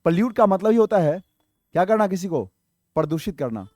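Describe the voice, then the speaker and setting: Pitched high and a bit quick, his mellow voice is expressive, captured in studio quality without any room sound. The man explains English vocabulary for an exam, spelling some words letter by letter and asking viewers things he then answers.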